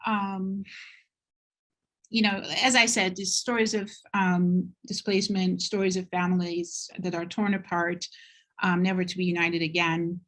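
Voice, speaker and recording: A middle-aged woman from Turkey giving a slide presentation at a university talk, speaking in an unhurried, thoughtful way with frequent ums. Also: fairly low pitch.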